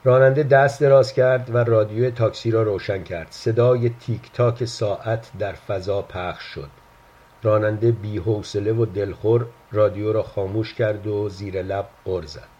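A man reading a literary story aloud in a calm, measured, quiet way. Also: fairly low pitch. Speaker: narrator. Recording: dull lo-fi recording.

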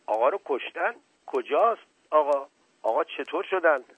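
A witty middle-aged aristocrat teases and barks orders, as a male narrator plays him. The voice is husky and mid-pitched. It sounds dry and phone-thin. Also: lively intonation, no room sound. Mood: teasing, urgent. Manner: teasing, commanding. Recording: narrow phone-like band, dry.

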